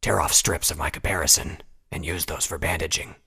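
A man voicing a grim, battle-worn male pony soldier who gives curt, commanding orders in a gravelly voice. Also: extremely low pitch, steady tone, fairly quick, bright, forceful tone, voice pushed down, full character voice.

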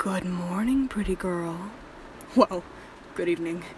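In an erotic horror audio drama, a woman plays a volatile, possessive male killer, speaking in a controlling, threatening way. Her lowish, everyday-sounding voice moves a little slowly against background noise, softly menacing, turning from soft-spoken to raging.

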